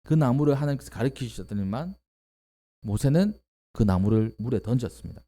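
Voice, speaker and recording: Lively, mellow-voiced male preacher. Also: mid-range voice, brisk. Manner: expressive, emphatic preaching with rising exclamations. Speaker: pastor. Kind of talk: sermon.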